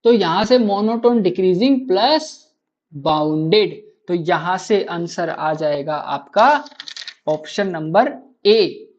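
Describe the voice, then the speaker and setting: A man's voice: sits high, slow, darkish tone, highs cut off. A man teaching maths in a live online class, quizzing students with constant rhetorical questions and repeating key answers to drill them in.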